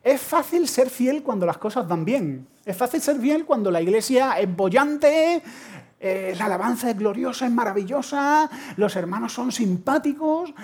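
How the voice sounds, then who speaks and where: A middle-aged man with a Spanish accent from Spain, preaching a sermon in an animated, humorous storytelling way. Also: very high-pitched, moderate pace, slightly rough.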